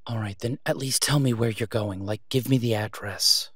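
In a one-sided phone-call audio drama, a man plays an exasperated, protective masked vigilante who is worried and pleading. His mid-pitched voice, close to an everyday one with a breathy edge, is urgent and emphatic, pausing to drive each point home. The recording is close and dry.

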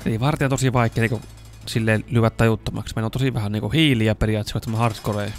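A young man with a Finnish accent giving casual let's-play commentary, swearing and yelling whenever the game turns dangerous. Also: lowish voice. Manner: excitable, swears and yells when in danger. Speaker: gaming YouTuber.

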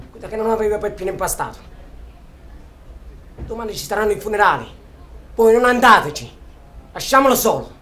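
Man doing an angry young Sicilian rebel, bitter then shouting, audition monologue, faint hiss behind. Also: high-pitched. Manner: impassioned, swings between bitter quiet and shouting. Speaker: auditioning actor.

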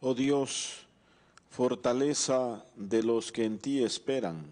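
A middle-aged man, a priest, reciting liturgical prayers in a slow, solemn way at an altar in a studio chapel. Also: mid-range voice, mellow. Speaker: priest celebrating Mass.

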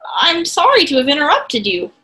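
A woman's voice: high-pitched, wildly swooping pitch, moderate pace, bright, forceful tone, voice pushed up, exaggerated voice. A woman voicing a polite, hungry young anteater who apologizes and asks questions, read aloud from a picture book.

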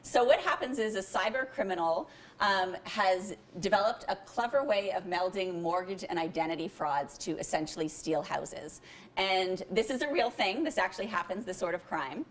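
A woman co-author at a bookstore event casually explaining her book's premise, relaxed and with occasional fillers. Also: mid-range voice, normal speed. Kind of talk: casual book summary.

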